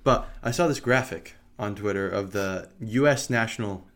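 A man's voice: fairly low pitch, moderate pace, fairly bright tone. A man hosting a podcast, chatting casually and thinking aloud about hockey schedules. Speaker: podcast host. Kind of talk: casual sports chat.

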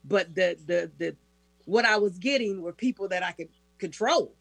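A woman's voice: fairly low pitch, lively intonation, normal speed, creaky, fairly bright tone, husky, no echo. A woman guest speaking frankly and earnestly about relationships, often checking in with her listener. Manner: earnest, frank, asks "you know what I'm saying". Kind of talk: conversational interview.

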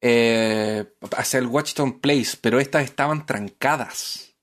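A man's voice: medium pitch, a little slow, fairly bright tone. A man hosting a podcast, telling a historical story in casual chat, with many hesitations and restarts. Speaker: podcast host.

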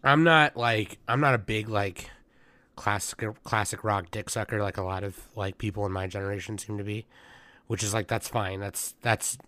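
A young man hosting a casual podcast, hoarse and congested, rambling with lots of fillers and swearing. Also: lowish voice, moderate pace, pushed and bright, dry recording. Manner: rambling, profane, many fillers. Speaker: podcast host. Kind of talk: casual chat.

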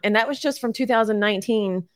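A woman's voice: fairly high pitch, fast, dry recording, studio quality. A woman guest chatting casually in an interview, down-to-earth and encouraging, laughing often. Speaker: guest, realtor and short-term rental owner.

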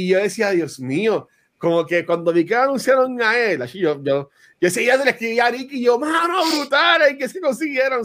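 A man with a Puerto Rican Spanish accent hosting a podcast, talking in an excitable, rambling way full of fillers. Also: high-pitched. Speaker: podcast host. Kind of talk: casual chat.

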